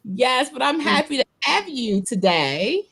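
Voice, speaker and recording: A woman's voice: sits high, sing-song, a little slow, gravelly, fairly bright tone, breathy edge. A woman hosting a casual interview over a video call, chatty and giggly, often laughing between her words. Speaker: host.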